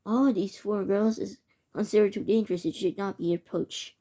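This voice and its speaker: A woman's steady, mellow, mid-range voice reads out a homemade emergency alert. The delivery is halting, with frequent stumbles and restarts, as befits this amateur mock emergency narration.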